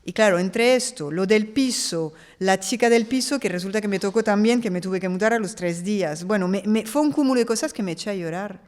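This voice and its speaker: A woman from France, speaking as a native French speaker, tells her stories in a casual interview. She is lively and animated and slips into the voices of people she quotes. Her voice carries a long reverb. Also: mid-range voice, brisk, few pauses. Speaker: guest.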